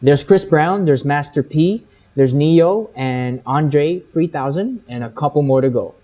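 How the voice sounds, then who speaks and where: A man hosting an interview, opening with a brisk, upbeat introduction and asking short questions. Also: on the high side, dark tone. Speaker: interview host.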